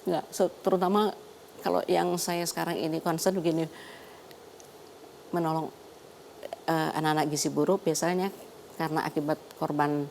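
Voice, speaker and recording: An older woman doctor, a guest on a talk show, telling her story in a lively way and laughing often. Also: low voice, moderate pace, vocal fry, pauses often, a little hiss or hum.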